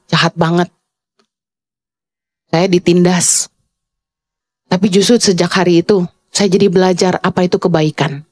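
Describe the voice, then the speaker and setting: A woman pastor preaching a sermon, speaking fast in a high register that can sound angry, and slipping English phrases into her talk.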